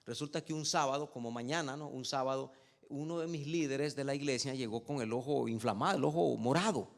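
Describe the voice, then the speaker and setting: A male pastor delivering a sermon. He tells stories in a conversational way, then builds to loud, emphatic preaching and keeps calling his listeners "brother.". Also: medium pitch, a little fast, big-room sound. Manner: addresses listeners as "hermano". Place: church service.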